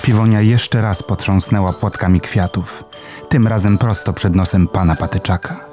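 A man calmly reading a children's story aloud, with soft music behind. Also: sits low. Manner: calm, unhurried storytelling. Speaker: narrator.

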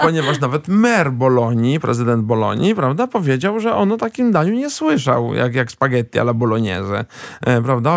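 Gravelly man in rambling chat. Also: mid-range voice, no echo, clean studio sound. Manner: rambling, keeps tagging questions on his sentences; frequent hesitant fillers and restarts. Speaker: guest expert on Italian food. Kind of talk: casual chat.

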